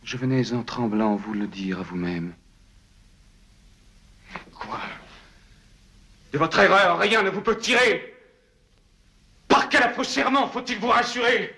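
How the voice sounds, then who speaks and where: A man's voice: on the high side, slow pace, pauses often, sharp tone, full character voice. A man voicing an anguished male lover from a classical stage tragedy, with a declamatory, theatrical delivery. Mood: impassioned.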